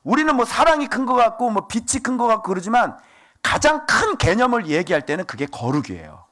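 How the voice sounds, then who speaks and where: Animated, high-pitched preaching pastor. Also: male voice, fairly quick. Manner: animated preaching with rhetorical questions to the congregation. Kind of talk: sermon.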